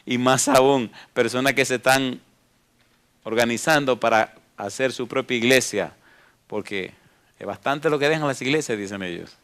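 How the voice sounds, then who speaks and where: Pastor guy preaching, keeps asking the crowd yes or no, smooth clear voice, mid pitch. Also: moderate pace, fairly bright tone. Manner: rhetorical questions to the congregation, storytelling. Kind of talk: sermon.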